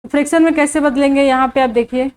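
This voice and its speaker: Slow and deliberate, a high-voiced woman teaches maths one step at a time, asking the viewer questions before supplying the answers herself. Her tone is a little mellow with fairly even intonation, though the audio is poor.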